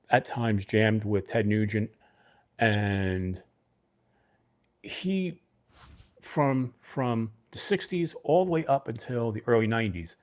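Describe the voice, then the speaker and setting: A middle-aged Brooklyn man with a blend of New York and New Jersey accents hosts a casual livestream chat in a lowish, slightly mellow voice. He rambles loosely and answers viewers in chat by name.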